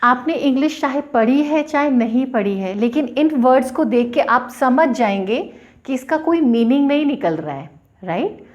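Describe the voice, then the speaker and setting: A woman English teacher, a native Hindi speaker, explaining letters, syllables and sentences slowly and deliberately, spelling words out. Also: high-pitched, lively intonation, muffled recording. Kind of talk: bilingual classroom explanation.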